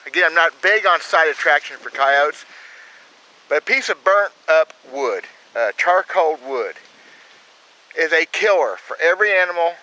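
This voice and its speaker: A man's voice: fairly high pitch, animated, normal speed, bright, forceful tone, low-quality recording. A man with a Southern US accent hosting a trapping channel, giving plain-spoken, folksy how-to advice outdoors in the cold countryside. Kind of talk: casual outdoor how-to talk.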